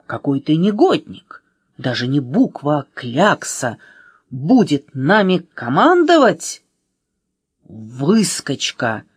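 A woman voicing a fussy, scolding talking letter in a children's storybook reading, with a slightly husky voice. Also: sits low, sing-song, slow pace, dry recording, heavily acted. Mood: indignant. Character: gruff, welcoming female talking letter И.

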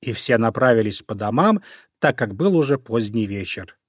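A man narrating a children's story in an expressive, playful way. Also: medium pitch, normal speed, no echo, studio quality.

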